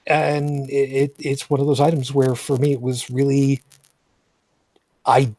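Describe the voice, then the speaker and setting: A male main host with a slightly husky voice, recorded close and dry over an online setup. He rambles casually, restarting phrases and dropping dry sarcasm. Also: mid-range voice, completely flat delivery, unhurried, dark tone, no echo. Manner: rambling, filler-heavy, repeats and restarts phrases. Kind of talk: casual live vlogcast chat.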